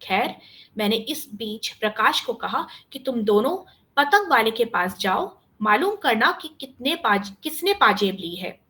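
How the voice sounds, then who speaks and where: A woman's voice: a little high, very animated, unhurried, pushed and bright. A woman storyteller reading a short story aloud over a video call, lifting her voice for the quoted lines.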